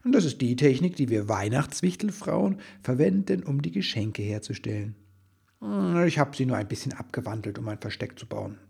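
A man voicing a proud, quick-tempered female Christmas elf in a storybook reading, husky and emphatic. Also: medium pitch, very animated, mellow, exaggerated voice. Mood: insistent.

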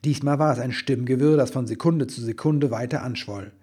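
A man narrating a children's storybook in a gentle, measured way, with a very husky voice. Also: mid-range voice.

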